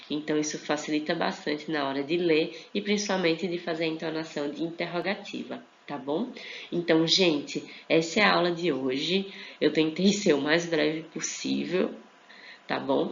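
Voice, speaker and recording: A woman teaching English in a casual online lesson. She talks from home at night, explains slowly, repeats example phrases and checks in often with her students. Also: deep voice, gravelly. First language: Portuguese. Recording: dull lo-fi sound with faint hiss.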